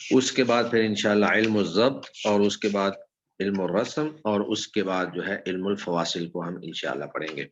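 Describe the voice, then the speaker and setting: Man teaching slowly in a dull recording. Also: on the low side. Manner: slow explanatory, stresses example phrases. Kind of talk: classroom lecture on Quran recitation.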